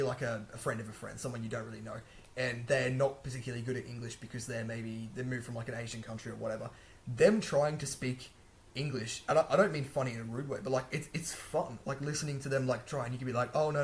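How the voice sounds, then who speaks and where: Brief: male vlogger, mid-pitched, talks fast and loose with lots of restarts, casual advice monologue. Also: steady tone, slight background noise. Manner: rambling, chatty, frequent restarts and self-corrections. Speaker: language-learning vlogger. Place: a room indoors.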